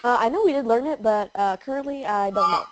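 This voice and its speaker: A woman's voice: a little high, brisk, lo-fi sound, noisy background. A female student answering hesitantly, heard over an online conference call. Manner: hesitant, unsure replies.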